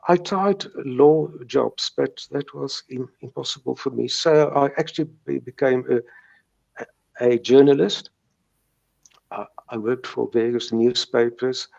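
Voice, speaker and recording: A middle-aged man, a native Afrikaans speaker with a South African Afrikaans accent, tells his own story in an interview as a guest recounting his recovery from stuttering. His voice is medium-pitched, gravelly and somewhat dark, with the highs cut off, and he speaks slowly. He stutters, repeating words and sounds.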